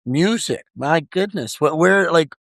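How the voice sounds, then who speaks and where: A young adult man hosts a casual podcast chat, speaking with enthusiasm and plenty of fillers. His voice is on the high side and a bit bright, with lively intonation and a measured pace. The recording is studio quality with no echo.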